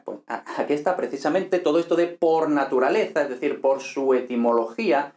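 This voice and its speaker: A man's voice: a little high, darkish tone, roomy sound. A man teaching an online language class, explaining step by step and often checking in with his listeners. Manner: explanatory, frequent "¿vale?" and "¿no?" checks. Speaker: Latin teacher. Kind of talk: online lecture.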